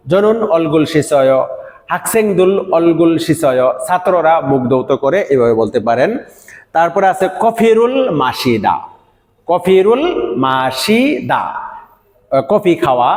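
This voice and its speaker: A man teaching a vocabulary lesson, slowly repeating each word for the listener to say after him. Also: on the high side. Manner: slow drilled repetition of words. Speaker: language teacher. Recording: echoey room with long reverb.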